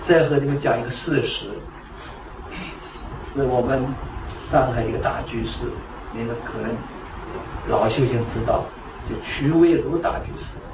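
A man's voice: medium pitch, moderate pace, vocal fry, long pauses. Man giving a Buddhist talk from far off. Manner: storytelling, asks rhetorical questions. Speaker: Buddhist teacher. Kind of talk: dharma talk. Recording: echoey room, distant mic, noisy.

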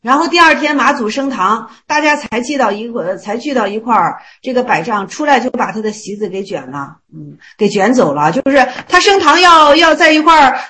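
A woman's voice: on the high side, big pitch swings, brisk, few pauses, pushed and bright. A woman telling a story casually, often repeating phrases and restarting.

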